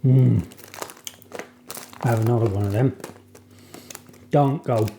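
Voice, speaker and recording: A man's voice: medium pitch, measured pace, dark tone, roomy sound, slight background noise. A man giving a casual, colloquial food review, chewing while he talks. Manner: informal, colloquial, rambling.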